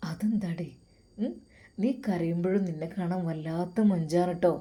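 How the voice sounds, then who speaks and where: A woman putting on a soft-spoken flirtatious husband. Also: expressive, slow. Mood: coaxing. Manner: low, soft and coaxing.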